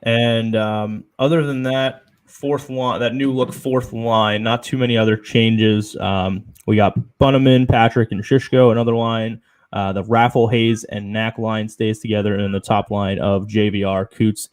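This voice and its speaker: Young male co-host, lowish voice, rambling opinionated hockey chat, filler-heavy. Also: fairly even intonation, normal speed, hardly any pauses. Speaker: podcast co-host. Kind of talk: casual sports chat.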